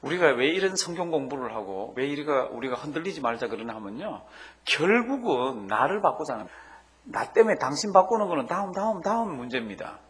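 A male pastor preaching a sermon, telling a story earnestly with pauses and fillers. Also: a little high, very animated.

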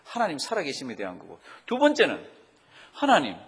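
A man's voice: on the high side, wildly swooping pitch, a little fast, husky. A man preaching a Bible-teaching sermon, often putting questions to the congregation. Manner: asks the congregation frequent questions. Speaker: pastor. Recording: long hall reverb.

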